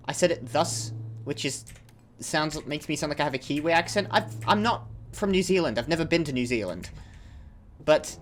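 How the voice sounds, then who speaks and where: There's slight background noise under this young man's fairly high-pitched voice. He's a let's play host giving rambling, chatty commentary on a video game, often stopping himself mid-sentence.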